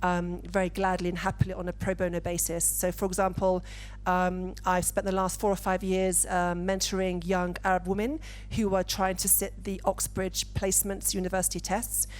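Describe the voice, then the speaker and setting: Woman panelist from the UK, lowish flat delivery, handheld mic, measured. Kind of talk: panel discussion. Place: conference stage.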